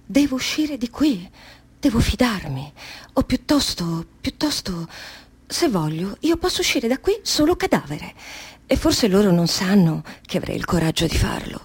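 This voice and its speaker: A woman's voice: mid-range voice, very animated, moderate pace, husky. An actress playing a confined woman brooding over a deadly choice in a radio drama monologue. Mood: anxious.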